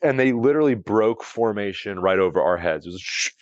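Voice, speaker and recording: A man with a lowish, darkish, expressive voice talks fairly quickly as a podcast guest. This longevity coach tells a rambling, casual story, constantly saying "like" and starting over. There's no echo, and the sound is lo-fi.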